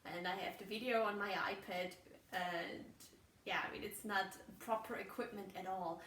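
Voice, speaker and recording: A native German speaker with a German accent muses aloud on her own podcast while walking outdoors, searching for words and often restarting sentences. Her medium-pitched voice is steady, fairly bright and moderately paced. Recorded on a phone voice memo held away from her, the sound is roomy and distant, with faint ambience and slight background noise.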